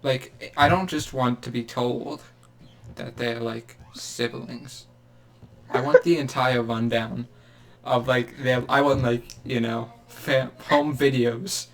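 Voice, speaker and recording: A man's voice: mid-range voice, steady tone, slow pace. Sarcastic young man, rambling podcast chat. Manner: sarcastic, laughing, rambling with many fillers. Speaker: podcast co-host. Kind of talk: casual chat.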